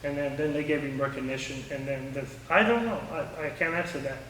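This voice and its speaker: A former air traffic controller, guest-speaking, gives an informal public talk full of folksy anecdotes and takes questions. His voice is on the high side and fairly quick, with crowd noise around him. The room echoes, the mic is distant and there's faint noise.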